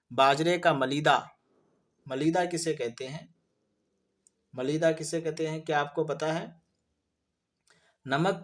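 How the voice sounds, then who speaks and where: A male teacher walks students through Urdu vocabulary for an entrance exam. He keeps asking questions and then answering them himself, in a voice a little higher than most men's. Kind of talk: vocabulary lesson for exam prep.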